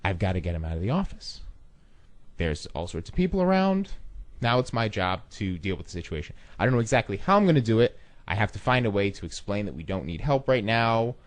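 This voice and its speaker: A man telling a personal story in an animated way, acting out the scenes. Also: on the low side, fairly quick, no echo.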